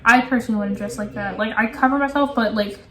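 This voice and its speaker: A woman's voice: fairly high pitch, quick pace, pushed and bright, far from the mic. Young woman guest, casual chat, easygoing, off-mic with room echo. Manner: easygoing, lots of "like" and "um". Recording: roomy sound from away from the mic.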